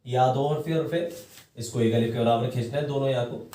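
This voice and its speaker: A man's voice: mid-range voice, fairly even intonation, fairly quick, warm tone, distant mic. A man teaching children to read the Quran, patiently explaining each letter and drawing it out in a chant. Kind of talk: recorded lesson for children. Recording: echoey room, voice from off-mic.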